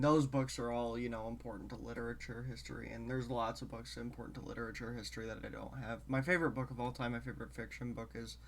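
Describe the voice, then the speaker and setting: A man hosting his own show in casual solo talk, rambling and halting as he drifts between topics, a bit congested. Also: medium pitch. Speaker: show host.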